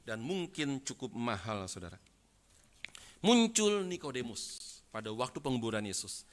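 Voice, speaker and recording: A man's voice: mid-range voice, sing-song, a little slow. A man with an Indonesian accent preaching a sermon as a pastor, driving his points home with repeated questions to the congregation. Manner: emphatic preaching, often addressing the congregation as "saudara" and asking questions. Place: church.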